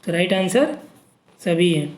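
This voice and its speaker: A man's voice: high voice, animated, slow pace, echoey room. A man teaching an exam-prep geography lesson, reading questions and options aloud and checking in with students. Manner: reads options aloud, frequent "ठीक" checks.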